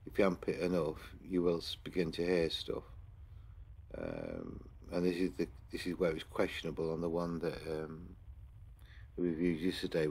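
An English paranormal investigator sits at his computer reviewing security camera footage, rambling through casual screen-recorded commentary full of fillers and restarts. His voice is low, creaky, darkish, and slightly breathy.

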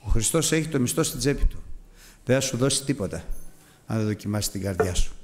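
Animated male preacher in a reverberant hall. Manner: animated, swings from high exclamations to low asides, acts out quoted voices. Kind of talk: sermon on a Gospel passage.

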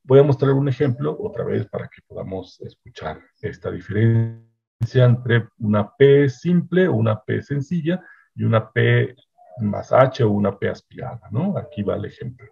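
A man giving a measured academic lecture, often checking in with his listeners. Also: mid-range voice, creaky. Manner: explanatory, measured, frequent "¿no?" checks. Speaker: linguistics researcher giving a lecture. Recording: dull lo-fi online talk audio.

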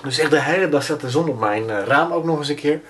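A man's voice: fairly high pitch, fast, fairly bright tone, slight background noise. A young man chatting casually to a handheld camera as he films himself, rambling with lots of fillers, from his attic room to the street and a train. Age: young adult. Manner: rambling, many fillers, self-filming while walking and travelling. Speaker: vlogger. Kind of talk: casual vlog chat. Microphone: handheld camera at arm's length.

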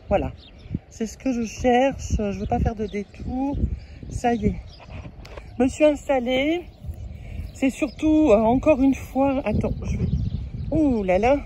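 A woman's voice: sits high, dark tone, slight background noise. A French woman chatting casually on her road-trip vlog, outdoors at a camper stop, fondly talking to her cat between remarks. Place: outdoors at a camper van area.

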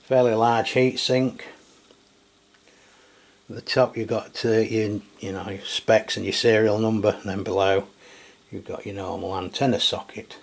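Seated at a tabletop indoors, a middle-aged radio product reviewer demonstrates a product casually and without a script, thinking aloud tentatively. His voice sits on the low side with fairly even intonation and a measured pace, and the recording carries clear background noise and room ambience.

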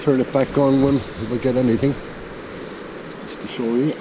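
A man's voice: medium pitch, steady tone, normal speed. A man from Ireland giving wry, casual running commentary while magnet fishing on a grassy riverbank, filmed on a head-mounted camera. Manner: wry, chuckling at small finds while hauling rope. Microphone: head-mounted action camera. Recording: outdoor wind noise.

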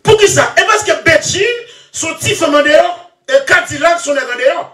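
A man talking in a rambling, excitable way, laughing often and trailing off into mumbles. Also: very high-pitched, normal speed. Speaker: musician interviewee. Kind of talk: animated rambling interview talk. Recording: echoey room, far from mic.

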